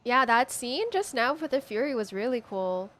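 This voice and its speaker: A woman streams a game with casual commentary. Her voice sits high. She switches between chatting and reading on-screen text aloud. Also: animated, moderate pace, fairly bright tone. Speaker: gaming streamer.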